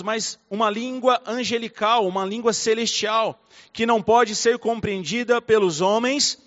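A man preaching a fervent sermon, swinging between soft, intimate passages and loud, fiery ones. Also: sits high. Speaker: pastor. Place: church hall. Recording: dull recording in a reverberant hall.

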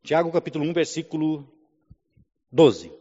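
A man's voice: a little high, steady tone, moderate pace, mellow, husky. Man preaching in an echoing church hall. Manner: preaching with rising emphasis, calls of amen. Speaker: pastor. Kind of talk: sermon. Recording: dull sound with long hall reverb.

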